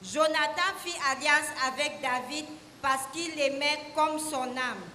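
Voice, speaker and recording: A woman reading scripture aloud in a steady, measured way during a church service. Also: sits high. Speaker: scripture reader. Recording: echoey hall with faint hiss.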